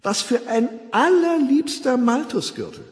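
A man's voice: medium pitch, big pitch swings, normal speed, slightly rough, voice pushed up. A man voicing a young woman who recites slogans and gushes over her friend's things in an audiobook reading. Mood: gushing. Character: young woman friend, gloomy then gushing.

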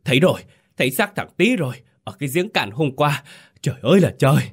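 A man voicing an old villager who shouts in a shrill, cracking voice from terror. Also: very animated, fast talker, husky, heavily acted. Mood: terrified.

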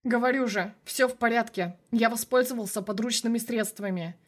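A woman's voice: a little high, moderate pace, natural voice. Wry, laid-back young male lead; woman reader, near her own voice.

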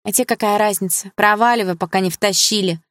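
A woman voicing an arrogant, vicious teenage schoolgirl who leads a gang, yelling insults. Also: medium pitch, expressive, unhurried, no echo, studio quality, voice pushed up. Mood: aggressive, shouting.

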